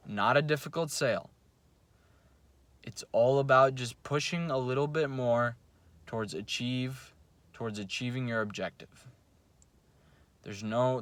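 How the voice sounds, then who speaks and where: A young native Russian speaker records a casual vlog at home at night before bed, giving himself a blunt, profane pep talk. His voice is mid-range with a fairly bright tone.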